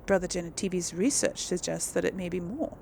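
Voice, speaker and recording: A woman with a fairly low, gravelly, slightly mellow voice talks a little fast, giving casual commentary while she plays a game. She muses aloud and role-plays dialogue, like a gamer hosting a series, with slight background noise.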